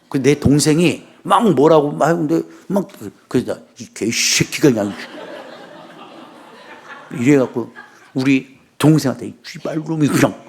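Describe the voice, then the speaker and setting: A man's voice: medium pitch, husky. A middle-aged man, a pastor, preaching a sermon in church, telling funny stories and acting out quoted dialogue. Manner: lively storytelling with humor, acting out quoted dialogue. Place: church sanctuary.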